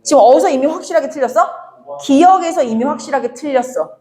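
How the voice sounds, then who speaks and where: A young woman teaching literature in a lively exam walkthrough, chatty and brisk, often asking her students rhetorical questions and acting out quoted lines. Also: high voice. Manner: acts out quoted lines in playful voices. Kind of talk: exam problem walkthrough lecture.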